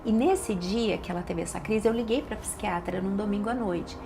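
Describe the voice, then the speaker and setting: A middle-aged Brazilian Portuguese-accented woman, a doctor appearing as a podcast guest, shares a personal testimony full of emotional, emphatic repetitions. Her medium-pitched voice moves at normal speed with some vocal fry, and background noise is audible.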